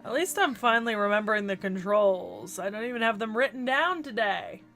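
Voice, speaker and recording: A woman with a mid-range, fairly bright voice chats briskly and animatedly while streaming a video game over soft background music. Stuffy and congested from a cold, she rambles casually, restarting often and swearing now and then.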